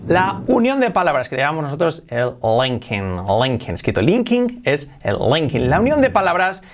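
An upbeat young man with a Spanish accent hosts a bilingual English lesson. His voice sits a bit high for a man. He drills English phrases, first slow and clipped, then linked and quick. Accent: Spanish from Spain. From Spain. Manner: energetic, repeats English phrases slowly then fast. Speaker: English teacher.

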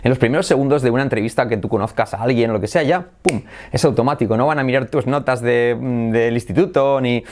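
A young man giving a casual online English pronunciation lesson, lively, with fillers and self-corrections, jumping into high exaggerated English examples. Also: fast talker, hardly any pauses.

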